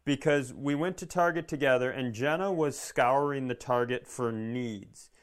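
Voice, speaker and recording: A podcast co-host with a mid-range voice and moderate pace trades casual, comedic banter, poking fun at himself and acting out little quotes as he goes.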